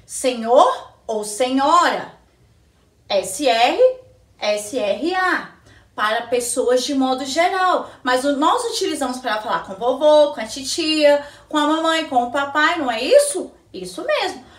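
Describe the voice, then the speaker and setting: A woman teacher with a Brazilian Portuguese accent giving a recorded lesson to young children, slowly asking questions and answering them herself. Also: sits high, lively intonation, recorded from a distance. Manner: slow, sing-song teacher talk, answers her own questions. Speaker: primary school teacher. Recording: echoey room, slightly off-mic.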